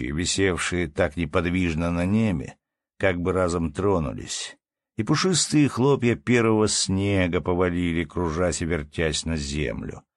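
A man narrating a classic prose story in a measured, expressive audiobook reading. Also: low voice, no room sound, studio quality.

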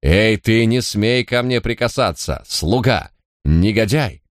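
A man reading an audiobook voices a furious, grieving middle-aged noblewoman who screams accusations in a shrill voice. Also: animated, takes it slowly, dry recording, studio quality. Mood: furious, screaming.

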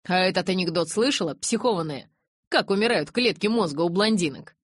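Woman doing a cheeky werewolf dude, low voice, teasing and sarcastic, dry sound. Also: expressive, fairly quick, slightly rough, no room sound. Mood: mocking. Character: cocky, mocking young werewolf man. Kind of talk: audiobook character voice.

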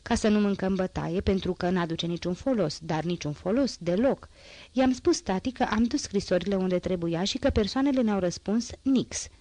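A woman voicing a poor teenage girl with a hoarse, strained voice, chatty and boastful yet anxious, in a dry audiobook reading. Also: medium pitch, warm tone, no echo, close to an everyday voice. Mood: eager.

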